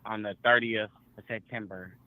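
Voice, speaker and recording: A man's voice: on the low side, steady tone, normal speed, no room sound. Blunt man over a tinny speakerphone. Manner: blunt, profane, weary talk. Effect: heard over a phone on speakerphone. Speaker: interviewee just released. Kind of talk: casual street interview. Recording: tinny phone line.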